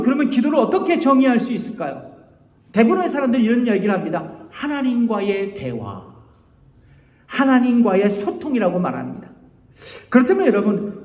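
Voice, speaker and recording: Male pastor, high and animated, call-and-response sermon, roomy church sound. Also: highs cut off. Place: church sanctuary. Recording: echoey church hall.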